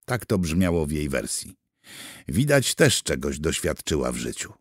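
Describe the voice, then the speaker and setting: A man narrating an audiobook in an expressive, animated storytelling manner. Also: very deep voice, moderate pace, slightly rough, dry recording, studio quality. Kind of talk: scripted narration.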